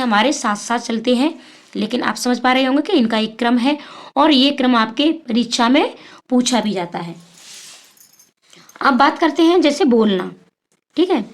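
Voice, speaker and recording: Woman, high voice, teacher giving an exam-prep lecture; answers her own questions, lots of fillers. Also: lively intonation, normal speed.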